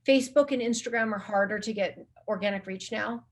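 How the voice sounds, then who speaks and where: Woman, interview guest, casual chat, mid pitch, rambling, lots of restarts. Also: brisk. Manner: rambling, with many restarts and filler words. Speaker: guest social media marketing specialist.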